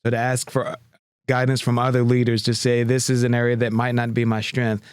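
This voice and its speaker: Male podcast host, affirming, reflective questions, smooth resonant voice, middle pitch. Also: completely flat delivery, brisk, dry recording, studio quality. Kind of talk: interview conversation.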